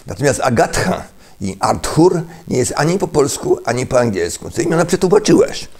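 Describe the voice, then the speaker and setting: An older man giving a lecturing monologue, halting with fillers and restarts and tossing in rhetorical questions. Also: fairly high pitch, big pitch swings, a little mellow, slightly rough. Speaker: political commentator.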